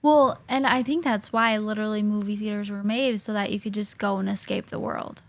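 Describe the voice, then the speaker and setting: A woman in her early twenties co-hosts a podcast, chatting casually at a slightly fast pace in a medium-pitched voice with fairly even intonation. She's chatty and thoughtful, leaning heavily on fillers like "literally" and "like."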